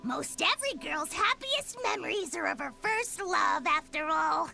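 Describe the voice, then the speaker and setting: A woman voicing a tiny, cheeky male fairy creature in a video game, with a squeaky, excitable and whiny manner. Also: moderate pace, creaky, full character voice. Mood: teasing. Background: game music.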